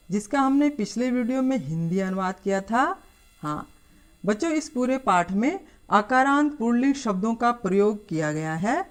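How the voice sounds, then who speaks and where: A woman teaching a lesson to schoolchildren, explaining slowly and patiently. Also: medium pitch. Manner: slow, patient, addressing children. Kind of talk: scripted lesson.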